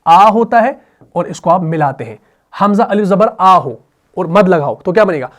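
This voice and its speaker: A man with a high, light voice and an Urdu accent leads a Quran recitation lesson. He explains in a lively way and keeps asking his students questions before he answers them. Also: normal speed. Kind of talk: tajweed lesson.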